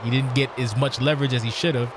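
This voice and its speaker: A man giving conversational color commentary on wrestling, casual and salty, with halting phrasing. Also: medium pitch, fairly even intonation, noisy background.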